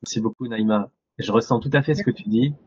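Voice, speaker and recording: A man's voice: medium pitch, quick pace, breathy edge, dull audio. A man speaking casually and encouragingly as the leader of a group.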